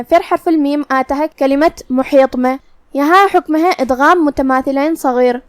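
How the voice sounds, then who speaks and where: A woman's voice: high voice, no room sound. A woman with an Urdu accent teaching Quran recitation rules, explaining patiently and methodically, step by step. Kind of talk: tajweed lesson, explaining rules slowly.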